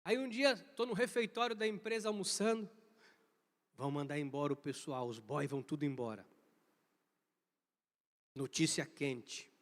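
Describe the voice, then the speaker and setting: A man's voice: on the high side, moderate pace, long pauses. A middle-aged Brazilian man with a Brazilian Portuguese accent, preaching a storytelling sermon in a church service and imitating sounds with his voice. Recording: reverberant church hall.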